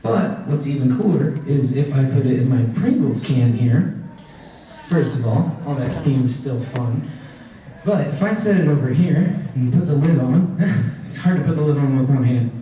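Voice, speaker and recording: Here a young man, a science educator, narrates a live demonstration for an audience of kids, keeping every step upbeat. His voice is mid-range and warm, paced moderately. Because he's far from the mic in a large, echoing indoor hall, some slight noise and the murmur of the crowd behind him come through.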